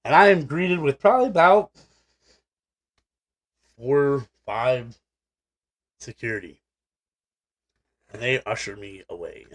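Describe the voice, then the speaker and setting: A man's voice: mid-range voice, animated, slow pace, pauses often. A man co-hosting a casual podcast, telling a story in a blunt, profane, rambling way. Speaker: podcast co-host.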